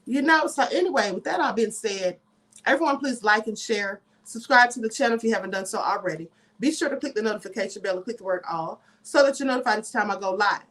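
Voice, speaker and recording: A woman's voice: mid-range voice, fast, fairly bright tone. A woman hosting a live commentary stream, reading news aloud with emphatic, chatty asides.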